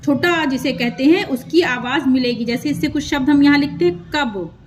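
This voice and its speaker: A woman teaching a children's script lesson, slow and patient, stretching out syllables and repeating sounds for learners. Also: high-pitched, slight background noise.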